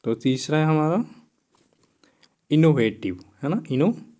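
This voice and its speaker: Male tutor, slow and deliberate, repeats each word and checks in with short tag questions while writing on a board. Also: a little high, big pitch swings, dark tone. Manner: writes on a board while explaining. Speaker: teacher. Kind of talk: exam vocabulary lesson.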